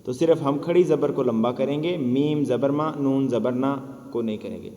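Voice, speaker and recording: A man leads a teacher-training lesson, explaining rules patiently and chanting stretched-out syllables to show them. His mid-pitched voice rings in a reverberant room with a long echo. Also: mellow. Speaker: Quran teacher training instructor. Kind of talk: teaching lesson, demonstrating recitation.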